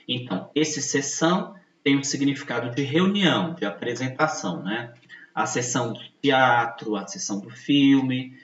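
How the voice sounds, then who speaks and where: A man giving a video lesson, explaining slowly and patiently, often checking in with his listeners and repeating key points. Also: mid-range voice. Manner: slow, patient, repeats points with frequent tag questions. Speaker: teacher. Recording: echoey, distant, dull-sounding room mic.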